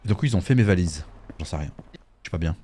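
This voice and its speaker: Joueur français en let's play d'horreur : blagueur, animé, voix aux écarts marqués. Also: male voice, sits low, fast, a little hiss or hum. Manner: jokey, animated. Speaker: gaming YouTuber. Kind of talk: horror game let's play commentary.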